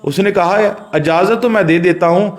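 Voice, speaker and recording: Pakistani man preaching in a high voice. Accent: Pakistani Urdu. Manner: narrates a religious story, shifting between low murmurs and raised emphatic lines; addresses listeners directly. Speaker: pir preaching a religious sermon. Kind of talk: sermon storytelling.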